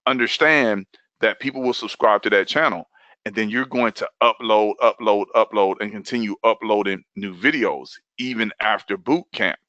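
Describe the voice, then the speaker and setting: A man's voice: fairly low pitch, bright, forceful tone, dry recording, lo-fi sound. A man coaching an online class on video content, talking loosely and repeating key phrases for emphasis. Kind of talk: live online training session.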